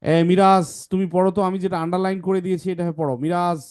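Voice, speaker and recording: A man's voice: sits high, level tone, very fast, darkish tone, smooth, no room sound, studio quality. A man teaching a children's English reading class, patiently coaxing pupils to read and break words into syllables. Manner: patient, coaxing, mixes English phrases into speech.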